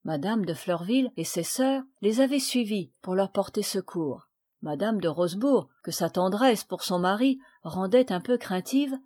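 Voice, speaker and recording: A woman narrating a classic children's novel in a calm, measured reading voice. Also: medium pitch. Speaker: audiobook reader.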